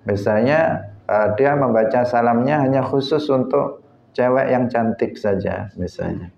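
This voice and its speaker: A man teaching a religious lesson in an unhurried way, with frequent "eh" fillers, acting out greetings as he explains them. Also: mid-range voice, vocal fry, a little hiss or hum. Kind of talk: hadith study lesson. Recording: echoey, dull lo-fi recording.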